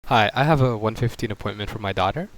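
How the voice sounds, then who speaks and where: A woman voicing a worried, impatient middle-aged father in a homemade animated drama, dropping her voice low. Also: fast. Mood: fussy. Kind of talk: amateur machinima voice acting.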